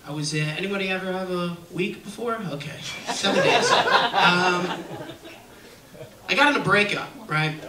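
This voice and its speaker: A man doing a stand-up comedy set on a music hall stage, with a brash, punchy delivery and frequent check-ins with the crowd. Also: a little high. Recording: echoey venue, distant, loud crowd noise.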